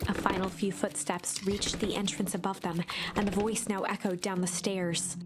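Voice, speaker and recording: A woman giving steady scripted narration for a story game. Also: medium pitch, normal speed, over music.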